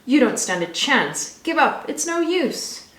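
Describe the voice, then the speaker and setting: A woman's voice: high voice, big pitch swings, unhurried, fairly bright tone, voice pushed up, heavily acted. A woman voicing a greedy, possessive male squirrel in a storybook, with emphatic exclamations. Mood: defiant. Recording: echoey room.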